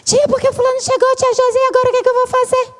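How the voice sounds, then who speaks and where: A woman voicing a hurried, anxious little child who rushes out her words to a teacher. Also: very high-pitched, completely flat delivery, voice pushed up. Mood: flustered. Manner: rushed, breathless chatter. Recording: long hall reverb.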